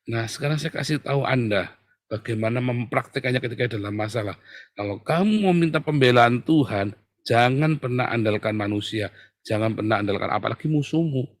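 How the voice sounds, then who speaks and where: Guy pastor giving a sermon, chatty and teasing, goes loud then real quiet. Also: mid-range voice, a little fast. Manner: lively, swinging between loud outbursts and near-whispers; colloquial, teasing preaching with laughs.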